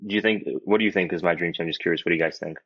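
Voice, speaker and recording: On dull, lo-fi audio, a twentysomething hockey player guest talks casually in an interview, relaxed and rambling, leaning heavily on "like" and "you know." He speaks rapid-fire in a low, steady voice with a breathy edge.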